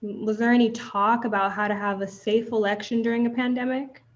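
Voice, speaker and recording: A young woman advocate questions a witness in a measured, formal courtroom manner, her voice pitched a little high. The sound is a dull, lo-fi courtroom recording. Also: steady tone. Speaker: trial advocate.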